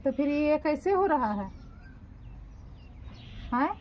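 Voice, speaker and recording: Slow, high-voiced woman tutor. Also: expressive, darkish tone, a little hiss or hum. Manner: slow, repetitive, spells words syllable by syllable. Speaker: home tutor. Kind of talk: scolding dictation correction.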